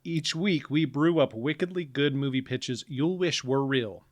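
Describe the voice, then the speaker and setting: A man's voice: mid-range voice, unhurried. A man co-hosting a podcast, delivering a scripted welcome in a showy horror-host manner.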